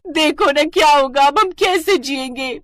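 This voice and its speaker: A naive young daughter-in-law in a cartoon story, voiced by a woman, pleading and melodramatic. Her voice sits high and loud. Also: moderate pace, dry recording, lightly acted. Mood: wailing.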